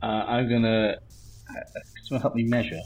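A man's voice: medium pitch, fairly even intonation, normal speed, a little mellow, low-quality recording. A man playing a tabletop game, talking in a dry, wry way. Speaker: player. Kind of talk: casual tabletop play.

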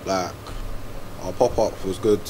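Low-voiced young south London man. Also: fairly even intonation, unhurried. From Croydon, south London, England. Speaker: streetwear brand member being interviewed. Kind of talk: casual group chat. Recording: faint background noise.

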